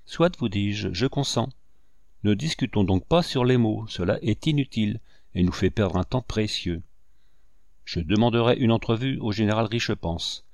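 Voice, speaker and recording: A man voicing a proud, bitter rebel commander who speaks in solemn, measured oratory. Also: on the low side, a little mellow, no room sound, clean studio sound, close to an everyday voice. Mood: bitter, curt.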